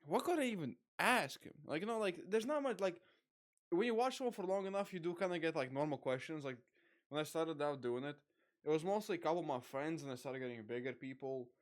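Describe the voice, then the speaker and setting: A young man hosting a casual online chat, rambling with lots of fillers and quick laughs. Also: fairly high pitch, darkish tone. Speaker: podcast host.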